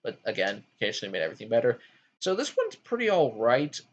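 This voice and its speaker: A man hosting a casual gaming chat, talking in an animated way with frequent ums. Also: mid-range voice, fast talker, highs cut off. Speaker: podcast host ranking game worlds.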